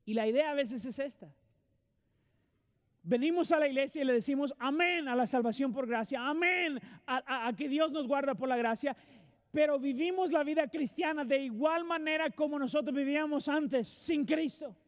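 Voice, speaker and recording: A man's voice: extremely high pitch, moderate pace. A male pastor preaching a sermon in a church, earnest and direct with his congregation. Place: church sanctuary.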